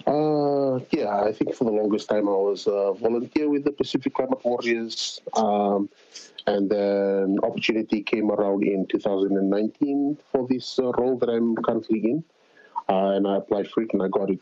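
A man from Fiji, with a Fijian accent and a mellow, fairly low voice, answers casually as an interview guest speaking as a climate organizer. He's on a remote call, and the audio is dull and roomy.

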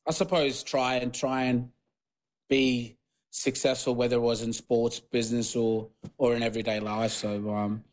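Rambling through a casual podcast interview, with plenty of fillers and restarts, is a guest born in Papua New Guinea who once played rugby league. Tok Pisin is his first language. His voice is mid-range with little pitch movement, and he keeps a moderate pace.

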